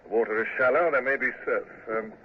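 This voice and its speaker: An actor playing a commanding, self-doubting British naval commander and narrator in an old-time radio drama, speaking formally. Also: male voice, mid-range voice, fast talker, lightly acted. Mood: businesslike. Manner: formal, crisp orders and introspective asides. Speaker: lead actor and first-person narrator. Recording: muffled, noisy old radio recording.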